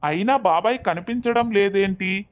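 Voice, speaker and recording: A woman's voice: mid-range voice, moderate pace, highs cut off, lightly acted. A woman voicing a concerned village man asking his aunt questions.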